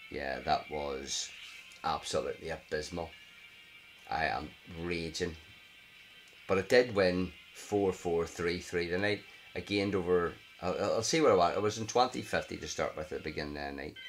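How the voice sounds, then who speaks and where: A man with a Northern Irish accent giving live commentary on a mobile game, exasperated, muttering and swearing at the screen. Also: sits low. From Northern Ireland. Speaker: gaming vlogger. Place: home at night.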